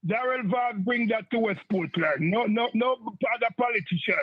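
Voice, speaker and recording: Husky Jamaican caller on a muffled line. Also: male voice, sits high, moderate pace. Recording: muffled phone call into radio.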